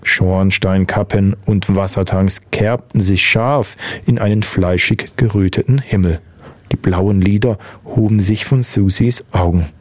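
A man narrating an audiobook in a measured, descriptive reading. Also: low voice, steady tone, dry recording.

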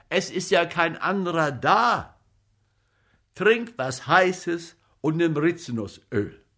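A man voicing an agitated, boozy male comic actor who fusses loudly over a sick friend. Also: exaggerated voice. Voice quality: loud, excitable, high-pitched.

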